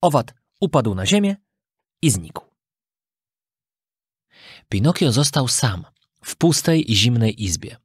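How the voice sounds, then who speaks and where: A storyteller reading a children's fairy tale aloud in an expressive, scripted way. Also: medium pitch, takes it slowly, pauses often, slightly rough, no echo, studio quality. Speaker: narrator.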